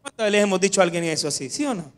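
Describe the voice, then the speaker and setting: A man preaching a Sunday sermon, animated and calling his listeners brother and sister. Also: high voice, racing. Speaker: pastor.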